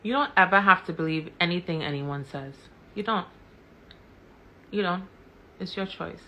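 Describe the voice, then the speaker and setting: A woman's voice: lowish voice, normal speed, bright, forceful tone, muffled recording, slight background noise. A woman giving impassioned commentary on a live stream, repeating words and questions for emphasis.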